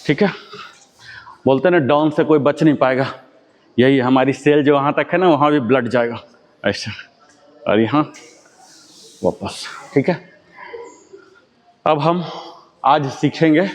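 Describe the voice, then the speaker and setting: A man's voice: mid-range voice, unhurried, long pauses. A man leading a yoga class. He gives step-by-step commands to the group and puts rhetorical questions to his students. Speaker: yoga instructor. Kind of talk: guided exercise class. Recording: long reverb.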